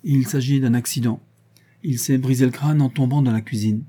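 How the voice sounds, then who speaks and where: A man's voice: medium pitch, steady tone, normal speed, dark tone, slightly rough, voice pushed up, close to an everyday voice. A man reading an audiobook, voicing a young bourgeois widow who talks in a dry, level tone. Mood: composed. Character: widowed young bourgeois wife, cool and composed.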